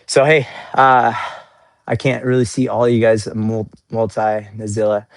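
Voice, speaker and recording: A man's voice: lowish voice, fairly even intonation, unhurried, no echo. A young man hosting a casual faith-based motivational livestream outdoors in the snow, earnest and upbeat, cooling off after a workout. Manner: earnest, upbeat, repeats words often. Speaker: livestream host.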